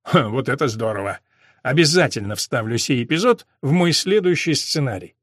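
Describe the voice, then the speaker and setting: A man's voice: mid-range voice, expressive, moderate pace, a bit bright, no room sound, studio quality. A man voicing a brash, mocking playboy who sneers sarcastically.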